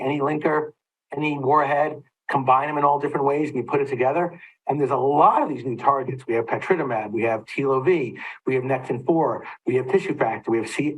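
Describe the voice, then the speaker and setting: A man hosting an expert roundtable, talking fast and friendly as he steers questions to his guests. His pitch sits in the middle. He keeps the conversation moving. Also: slight background noise, rough recording. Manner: brisk, friendly, steering the talk. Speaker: moderator of a medical roundtable. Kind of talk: panel discussion.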